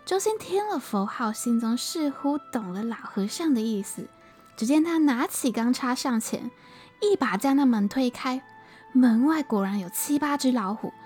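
A woman storyteller narrating a folk tale in a lively, animated way. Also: on the high side, moderate pace, soft background music.

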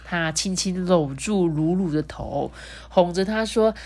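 A woman reading a picture book aloud to children, lively and playful, with chatty asides. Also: on the low side, unhurried. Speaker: storyteller.

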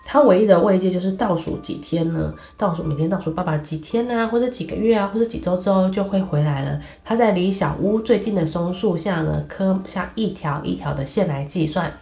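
A woman's voice: fairly low pitch, moderate pace, mellow, roomy sound. A woman telling a children's story in a chatty way, with many filler particles.

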